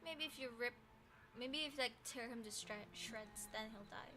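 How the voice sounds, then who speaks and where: A woman's voice: fairly high pitch, normal speed. A woman livestreaming a story game, reading narration aloud and adding playful, teasing, slangy commentary. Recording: music behind the voice. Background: game music.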